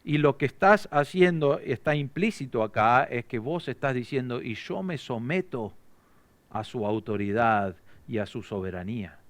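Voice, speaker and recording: A man with an Argentine Spanish accent preaching an expository sermon as pastor, growing louder and higher for emphatic declarations. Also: lively intonation, moderate pace, no echo.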